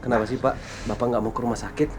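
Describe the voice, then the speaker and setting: A man's voice: medium pitch, level tone, very fast, over loud music, natural voice. An actor playing an anxious helper who hurriedly urges a sick man to go to the hospital. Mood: worried. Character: worried helper urging a trip to hospital.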